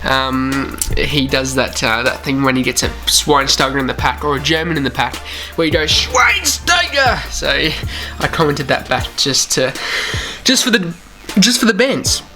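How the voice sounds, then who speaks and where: An Australian gaming channel host with a mild accent chats loosely over gameplay, rambling and dropping plenty of "you know" fillers. His medium-pitched voice is bright and forceful at a moderate pace. Soft music plays in the background.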